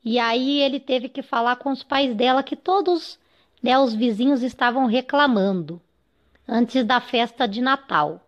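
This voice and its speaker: A woman's voice: on the high side, a little slow. A woman casually telling a children's story off the cuff, with lots of fillers and restarts, faint music behind. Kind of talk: improvised children's story narration.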